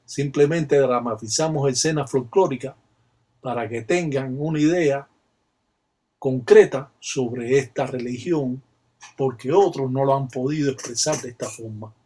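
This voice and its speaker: A man giving a solemn, measured instructional narration about a folk ritual. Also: mid-range voice, mellow. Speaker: religious practitioner explaining a ritual.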